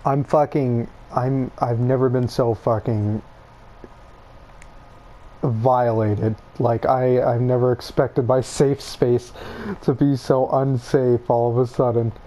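A woman's voice: extremely low pitch, fairly even intonation, takes it slowly, dark tone, slight background noise. A woman playing a survival game with a friend, shrieking, swearing and laughing through her fear, tearful from screaming. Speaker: gamer streaming with a friend. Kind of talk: panicked co-op gameplay chat.

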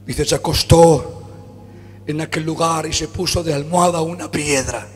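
A man with a Spanish accent preaching a fervent sermon in a church, swinging from low murmurs to shouts. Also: steady tone, moderate pace, husky. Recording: church hall reverb with faint music.

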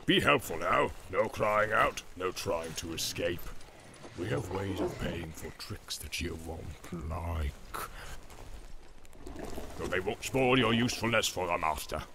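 A man voicing a brutal, menacing orc captain with a gravelly, growling voice. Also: low voice, animated, a little slow, pushed and bright, a little hiss or hum, voice pushed down, exaggerated voice.

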